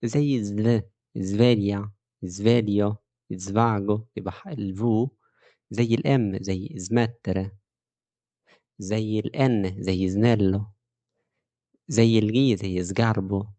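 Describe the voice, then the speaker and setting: A man with an Egyptian Arabic accent teaching Italian pronunciation, explaining rules step by step and repeating example words slowly. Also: lowish voice, fairly even intonation, warm tone, no echo. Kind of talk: pronunciation lesson.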